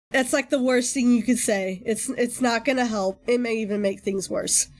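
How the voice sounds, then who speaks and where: A woman's voice: on the high side, a little slow, a little mellow. A woman streamer chatting informally and in a rambling way on a livestream while reacting to videos. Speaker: streamer, VTuber host.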